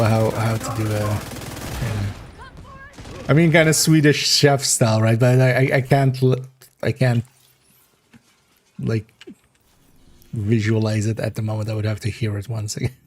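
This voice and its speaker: Relaxed, laughing male streamer. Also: mid-range voice, a little hiss or hum. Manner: rambling and relaxed, laughs often. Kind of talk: casual gameplay livestream chat.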